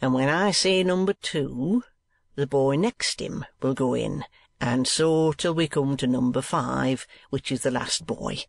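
A man voicing a greedy, sanctimonious middle-aged schoolmaster in a storybook reading, with an oily, drawn-out, preachy delivery. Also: medium pitch, creaky, no echo.

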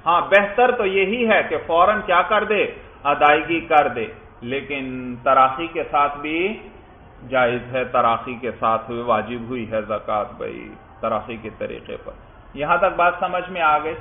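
A man's voice: on the high side, a little hiss or hum. A man teaching a class on Islamic law, putting questions to his students and answering them himself, repeating key terms. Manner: repeats key terms, calls listeners brother. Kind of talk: classroom lecture. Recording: echoey, tinny phone-like recording.

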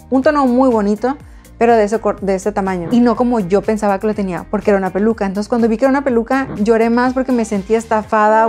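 A woman, telling a personal story to her viewers in a chatty, expressive way. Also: mid-range voice. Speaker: vlogger. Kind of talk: casual storytelling.

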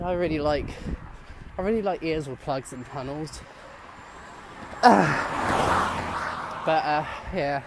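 Walking past fields on a sunny day, a young male vlogger chats into a handheld camera, rambling in an upbeat way. His voice is on the high side, and there's noise in the background.

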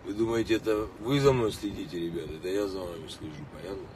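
Deep-voiced man livestreaming from his car. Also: fast talker. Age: late 30s. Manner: relaxed, chatty, greets viewers by name. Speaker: musician livestreaming to fans. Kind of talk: casual livestream chat. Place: inside a car in city traffic. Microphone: phone held or mounted at arm's length. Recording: distant phone mic with street noise.

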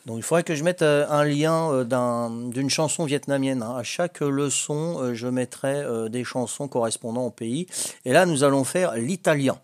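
A man's voice: medium pitch, moderate pace, no echo. An older man with a Corsican French accent, chatting casually on a home video, full of fillers, restarts and little jokes. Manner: hesitant, many fillers and restarts, joking. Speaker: vlogger learning a language.

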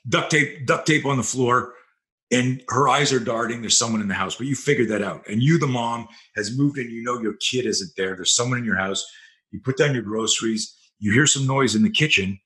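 A man's voice: mid-range voice, fairly quick, bright, forceful tone. A man telling blunt, profane stories as a self-defense instructor on a podcast. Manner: blunt, profane, vivid storyteller. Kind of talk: storytelling in a podcast interview.

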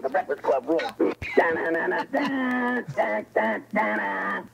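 Brief: man playing a gravelly, excitable cartoon teen, jumpy pitch, crowd behind. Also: normal speed, over music. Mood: excited giggly. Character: hyper, giggly cartoon teen boy, excitable. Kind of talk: prank call impression on radio.

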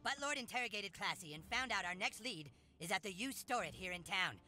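A man playing a bossy, foul-mouthed, self-important boy leading a superhero gang in an animated comedy game. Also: sits high, brisk, faint music behind, full character voice. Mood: commanding.

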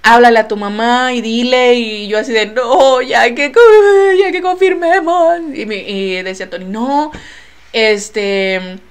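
A young Mexican woman chats straight to her viewers through a laptop microphone, telling a personal story. She is animated and acts out what each person said, often trailing off with playful filler like "bla, bla, bla.". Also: on the high side, measured pace, smooth. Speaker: vlogger. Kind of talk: casual storytelling to camera. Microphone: laptop mic.

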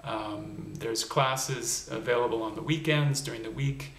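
A man giving a video blog lesson on pronunciation, modeling example words slowly and clearly. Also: mid-range voice, roomy sound. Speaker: accent reduction coach.

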